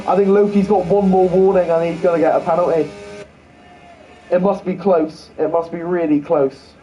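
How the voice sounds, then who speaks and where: A man giving live, excitable play-by-play commentary on a motor race, like a motorsport commentator calling each move. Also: sits high, normal speed, muffled recording, a little hiss or hum. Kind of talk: live play-by-play racing commentary of an online league.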